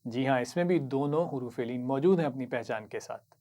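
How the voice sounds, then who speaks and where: A man with an Urdu accent teaching Quran reading, patiently explaining each word, reciting it slowly and praising the learner. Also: medium pitch, mellow. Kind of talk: slow instructional lesson.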